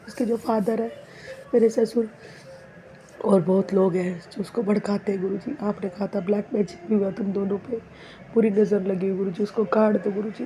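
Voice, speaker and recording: A woman's voice: on the high side, dark tone, a little hiss or hum, rough recording. A young woman offering a repetitive, pleading devotional prayer of thanks.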